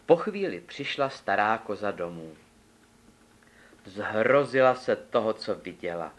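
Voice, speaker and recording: A man reading a fairy tale aloud in a measured, expressive storytelling manner. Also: fairly low pitch. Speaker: narrator.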